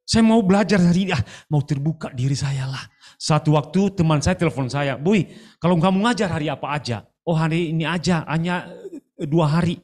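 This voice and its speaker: A man preaching a sermon in animated style, often calling out to the congregation. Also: fairly high pitch, brisk. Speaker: pastor. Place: church service streamed live.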